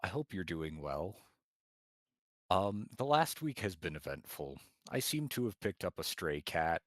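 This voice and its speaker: A man voicing a male giant adventurer who reports quietly on his week, rambling and hesitant. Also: sing-song, unhurried, dry recording, clean studio sound, heavily acted. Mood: reflective. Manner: low-key, rambling and hesitant.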